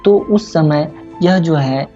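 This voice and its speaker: A man's voice: on the high side, warm tone, muffled recording, soft background music. A man teaching a lesson over slides, addressing listeners as friends and often checking in with "okay". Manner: fills pauses with a frequent "thik hai".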